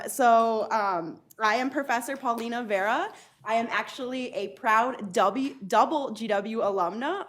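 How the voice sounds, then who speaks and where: A woman law professor introducing herself at a panel event, speaking earnestly with frequent ums. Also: on the high side. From United States. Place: lecture hall event.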